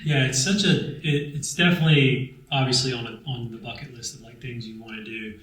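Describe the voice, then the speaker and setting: A man in relaxed conversation who hesitates and often circles back to rephrase himself. He sits at a distance from the mic, and his voice carries in a roomy, echoey space. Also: mid-range voice, fairly quick. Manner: hesitant, many fillers and restarts. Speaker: vlog co-host. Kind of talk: casual chat.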